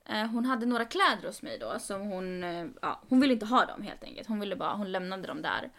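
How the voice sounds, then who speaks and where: A young woman co-hosting a podcast, telling a story in casual chat and quoting people with rising emphasis. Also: mid-range voice. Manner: animated, quoting others with "jag bara" and rising emphasis. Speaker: podcast co-host.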